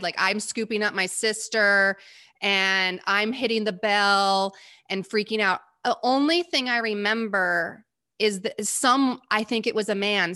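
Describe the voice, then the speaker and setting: An American woman in her forties, an interview guest telling a personal story in an animated way and acting out the voices she quotes. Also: medium pitch. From United States.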